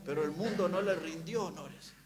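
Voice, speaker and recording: A man preaching a Baptist sermon, emphatic, moving between quiet asides and loud, rising passages. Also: on the high side, normal speed, over a noisy crowd.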